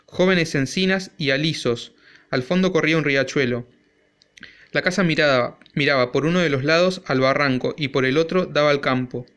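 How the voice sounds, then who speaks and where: A man's voice: a little high, fairly bright tone. A man narrating a classic short story as an audiobook with dramatic storytelling. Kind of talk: audiobook reading.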